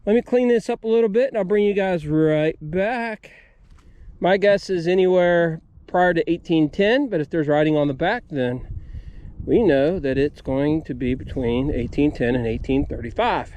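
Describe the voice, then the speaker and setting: High-pitched American man, folksy outdoor vlogger. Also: moderate pace, a little mellow, no echo. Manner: folksy, talks viewers through each step. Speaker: metal detecting video host. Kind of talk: casual outdoor vlog narration to viewers. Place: outdoors at an old homesite.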